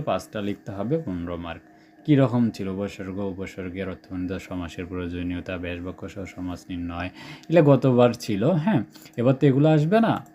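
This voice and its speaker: Bangladeshi Bengali teacher, deep mellow voice. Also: male voice, a little hiss or hum. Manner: reels off numbered question lists, checks in with students often. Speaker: exam-prep teacher. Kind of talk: screen-share exam suggestion walkthrough.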